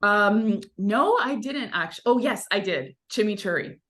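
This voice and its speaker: A native Italian-speaking actress chats as a guest in a casual interview, her mid-range voice a little slow. She tells stories in an animated, chatty way, peppered with lots of "like."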